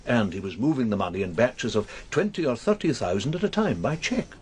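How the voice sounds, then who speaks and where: In a radio crime drama, an actor plays a fussy, wordy Scottish amateur investigator who is helping the police and is quite pleased with himself. The medium-pitched voice is very animated and brisk with a darkish tone, natural, over slight background noise. He speaks a little hesitantly and sounds quietly pleased and self-satisfied.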